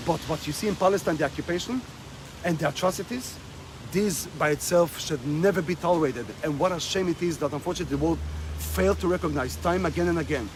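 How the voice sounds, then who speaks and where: Fast-talking guy, high voice, fired up and emphatic, cars going by outside. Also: low-quality recording. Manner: impassioned, emphatic, repeats himself. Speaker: interviewee. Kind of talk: street interview. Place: outdoors on a rainy street. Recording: street noise and passing cars.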